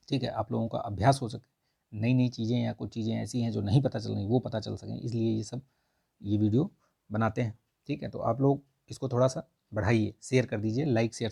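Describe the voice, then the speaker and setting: A man explaining test answers in a relaxed, chatty lesson, often pausing to check his listeners are following. His voice is gravelly and husky, with a mellow, dark tone. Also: fairly low pitch. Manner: conversational, repeats "ठीक है" often. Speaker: exam prep tutor.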